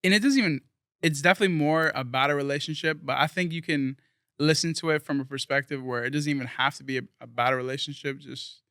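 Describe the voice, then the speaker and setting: A man's voice: a little high, fast talker, pushed and bright, dry recording, clean studio sound. A young man from South Florida, a guest musician talking casually in an interview, rambling earnestly with lots of fillers.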